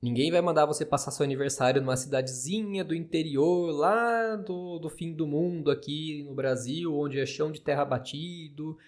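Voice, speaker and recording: A man's voice: a little high, normal speed, hardly any pauses, a little mellow. A man with a Brazilian Portuguese accent, an astrologer hosting a podcast, explaining in a chatty, skeptical way with frequent tag questions. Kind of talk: casual explanatory monologue.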